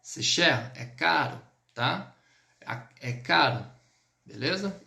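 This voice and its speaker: A man's voice: on the high side, lively intonation, slow, vocal fry, pushed and bright, roomy sound. A man with a Brazilian Portuguese accent teaching a live online French lesson, patiently repeating words and checking in with his students.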